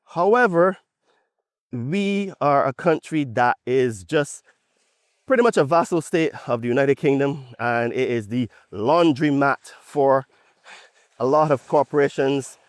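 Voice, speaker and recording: A man's voice: medium pitch, a little slow, no echo, studio quality. A man from Barbados with a Bajan accent gives an opinionated podcast monologue, conversational and emphatic, often checking his points with a tag question. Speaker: podcast host.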